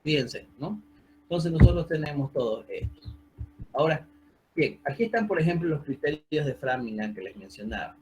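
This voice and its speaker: A man teaching a medical class on a video call, with a slightly high voice. He explains step by step and keeps checking that his students are following, asking quick rhetorical questions. The sound comes through a computer mic. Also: animated, darkish tone, a little hiss or hum, poor audio. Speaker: medical lecturer. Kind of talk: online medical lecture.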